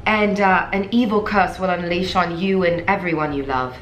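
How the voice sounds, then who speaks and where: Pompous ambassador with a fake British accent, bright tone, echoey room, played by a woman. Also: lowish voice, voice pushed down, close to an everyday voice. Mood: mock-official. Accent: put-on British. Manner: halting, mock-official. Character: pompous female government ambassador.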